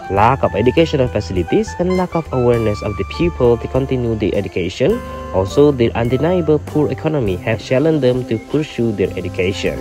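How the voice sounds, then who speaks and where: A man reading a scripted documentary narration in careful, formal English. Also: mid-range voice. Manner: reads in careful, formal non-native English. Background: music.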